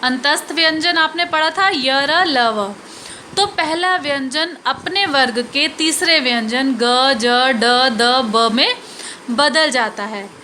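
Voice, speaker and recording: A woman's voice: sits high, slow pace, pushed and bright, a little hiss or hum. A woman teacher giving a grammar lesson to children, carefully spelling out each sound and repeating every example.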